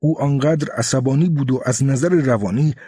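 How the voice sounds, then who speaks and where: A male storyteller giving a scripted narration of a story in a steady, even reading. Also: medium pitch, husky, no echo, clean studio sound.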